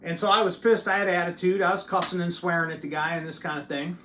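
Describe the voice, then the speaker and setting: A man who hosts his own channel, telling a story to camera in a loose, profane and animated way. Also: sits high, fast talker, echoey room, slight background noise. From United States. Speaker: channel host.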